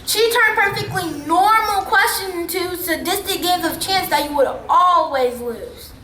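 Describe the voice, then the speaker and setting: A young woman narrating a school stage play in an expressive, wry storytelling manner. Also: very high voice, a little slow, a little hiss or hum. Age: young adult. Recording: echoey auditorium from far off.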